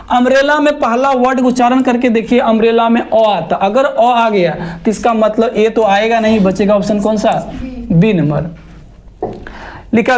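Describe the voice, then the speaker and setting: A teacher explaining grammar in a classroom style, going step by step, repeating points and asking rhetorical questions, and reading example sentences slowly. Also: medium pitch, darkish tone.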